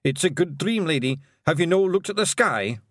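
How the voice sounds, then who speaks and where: A man's voice: on the high side, expressive, moderate pace, a bit bright, no echo, studio quality, voice pushed up. A man voicing a fierce little male pixie clan chief with a Scottish accent, brash and bossy. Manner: brash, gruff, bossy and cheerful.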